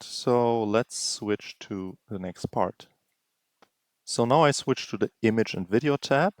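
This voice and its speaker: A man narrating a software tutorial, explaining steps slowly and thinking aloud. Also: on the low side, no room sound, studio quality. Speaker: tutorial host. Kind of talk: screen-recording tutorial narration.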